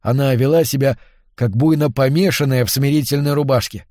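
A man narrating a novel as an audiobook, in a measured, even reading. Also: medium pitch, dry recording, clean studio sound. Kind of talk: scripted literary narration.

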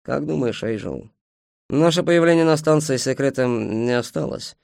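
A gloomy, shrewd young fiddler, as a man voices him. He speaks in a grim, measured way, close to the narrator's own tone. The sound is dry and close. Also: medium pitch, gravelly, darkish tone, dry recording, natural voice.

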